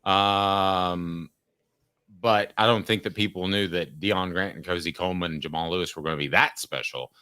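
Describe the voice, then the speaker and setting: A man hosting a sports talk show, chatting casually and thinking aloud in a measured way. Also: sits low, steady tone, pushed and bright, clear, resonant tone, no room sound, clean studio sound.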